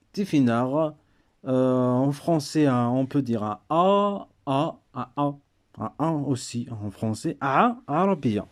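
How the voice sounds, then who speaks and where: A man slowly teaching an alphabet letter by letter, hesitant and full of fillers, switching between languages. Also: medium pitch, a little mellow. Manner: slow, hesitant, many fillers. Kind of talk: alphabet lesson.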